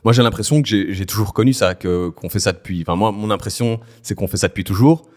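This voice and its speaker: A man's voice: lowish voice, quick pace, darkish tone. A man hosting a podcast, introducing the show and asking a guest questions with some hesitation. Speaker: podcast host. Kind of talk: podcast interview.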